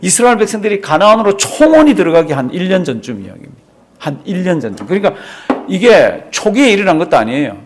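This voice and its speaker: A middle-aged man, a pastor, teaching a Bible class. He reads scripture slowly and with emphasis, and keeps asking the class questions and answering them himself. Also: high-pitched, very animated, background noise.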